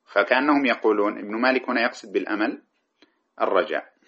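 A fast-talking man with a fairly low, fairly bright, slightly rough voice explains a classical grammar text line by line. Along the way he chants cited verses and revises his sentences midway. The recording is lo-fi and dull.

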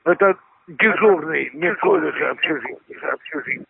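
A man's voice: a little high, normal speed, creaky, slightly rough, dry recording. A man on duty answering a phone, curt and annoyed. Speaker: duty watchman. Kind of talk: phone conversation. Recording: dry tinny phone line.

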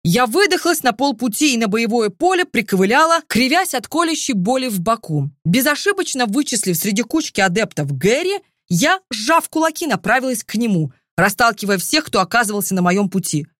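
Lively woman reading a fantasy audiobook. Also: on the high side, a little fast, few pauses, no echo, studio quality. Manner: lively, expressive storytelling. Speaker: audiobook narrator. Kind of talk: first-person fantasy audiobook narration.

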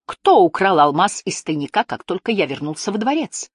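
A woman's voice: medium pitch, very animated, brisk, slightly rough, dry recording, clean studio sound, pitched above the performer's own voice. A woman reading the part of a cold, scheming old male guardian who drawls and hisses his words. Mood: sneering. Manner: hissing, drawling, menacing.

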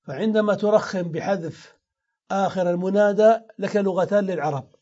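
High-voiced man teaching grammar, muffled. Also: normal speed, dark tone. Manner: explains step by step, repeats example words aloud. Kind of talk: classroom grammar lesson. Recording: dull lo-fi lecture recording.

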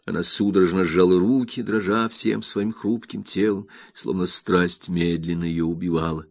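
Gravelly man narrating an audiobook. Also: deep voice, fairly even intonation, moderate pace, no room sound. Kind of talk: scripted narration.

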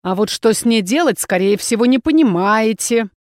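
A woman's voice: mid-range voice, animated, normal speed, no echo, close to an everyday voice. Woman narrator as a cocky, sneering inquisitor lord for an audiobook, insolent and pushy, dry sound. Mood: mocking. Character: arrogant mocking male inquisitor lord.

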